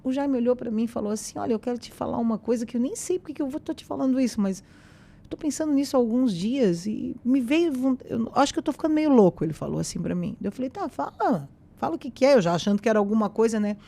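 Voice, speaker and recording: Mellow-voiced woman telling her story. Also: fairly high pitch, quick pace, gravelly. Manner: animated storyteller who acts out quoted dialogue. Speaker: podcast guest. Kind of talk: casual personal faith testimony.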